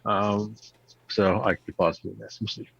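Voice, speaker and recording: Gravelly low-voiced man, lo-fi mic. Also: fairly even intonation, moderate pace, fairly bright tone, no room sound. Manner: hesitant, counts squares aloud. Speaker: player.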